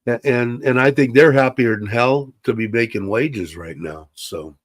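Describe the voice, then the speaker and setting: This man's medium-pitched, measured voice comes through a computer mic with no echo and studio quality. Hosting a laid-back livestream, he talks chattily and aimlessly, leaning on fillers, and he seems slightly congested.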